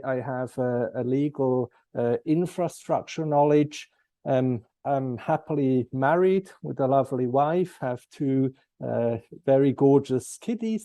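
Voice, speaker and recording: A man, giving formal, measured answers as an interview guest. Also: mid-range voice, dark tone, dry recording. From German-speaking Switzerland. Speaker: guest, compliance expert.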